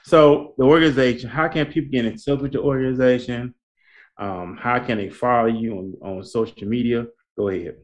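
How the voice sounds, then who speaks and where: A man hosts a talk in a colloquial, preacher-like way, his medium-pitched voice steady and fairly quick. He keeps repeating his points to exhort and urge his listeners on, blending conversational talk with motivational preaching.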